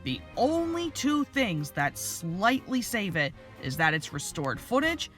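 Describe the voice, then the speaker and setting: A reviewer gives opinionated commentary in a bright, sharp voice with very lively intonation. Light music plays underneath. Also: mid-range voice, measured pace.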